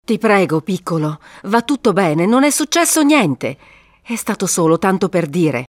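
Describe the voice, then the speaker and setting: A woman's voice: fairly low pitch, very animated, normal speed, dry recording, clean studio sound. A woman voicing a weary, protective young woman in an audiobook.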